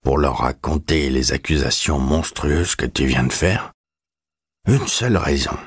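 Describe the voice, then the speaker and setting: A man voicing a bitter, guarded old former officer in a storybook reading, speaking in measured, cold threats. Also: very deep voice, breathy edge, dry recording, clean studio sound, full character voice. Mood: threatening. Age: older.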